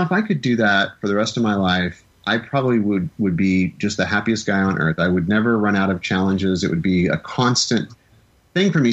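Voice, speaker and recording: A man's voice: lowish voice, breathy edge, muffled recording. Enthusiastic man from the Midwest. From American Midwest. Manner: enthusiastic, rambling with restarts. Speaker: film composer guest. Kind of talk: casual interview storytelling.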